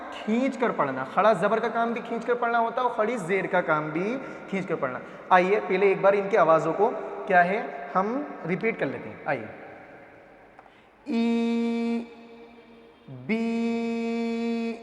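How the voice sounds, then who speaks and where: A man's voice: high-pitched, slight background noise. A man teaching a patient reading lesson, stretching out letter sounds to demonstrate them and often checking that students follow. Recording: echoey room with long reverb.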